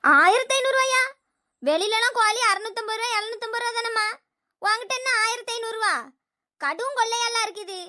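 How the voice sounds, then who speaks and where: A bossy village woman with a Thoothukudi Tamil accent, played by a woman, in a comedy sketch, her voice sitting extremely high. The tone is sharp and bright, and she haggles and scolds in quick village banter. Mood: demanding. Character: shrill bossy village woman demanding payment for a stolen hen.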